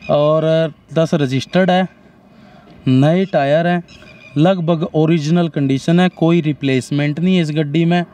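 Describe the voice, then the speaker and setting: Fairly high-voiced car-dealer man. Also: warm tone, a little hiss or hum. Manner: matter-of-fact, lists features and rates. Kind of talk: sales pitch. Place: outdoor used-car lot.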